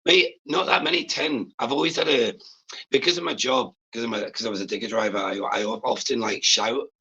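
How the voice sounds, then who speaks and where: A man in his forties with a raspy smoker's voice, chatting casually and matily as a guest caller. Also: mid-range voice, brisk, sharp tone, poor audio. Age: 40s. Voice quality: smoker's rasp. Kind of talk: casual chat.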